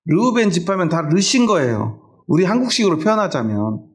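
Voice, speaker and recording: Gravelly-voiced Korean pastor preaching conversationally. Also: male voice, high voice, sing-song, moderate pace. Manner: conversational preaching with questions to the congregation. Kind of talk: sermon.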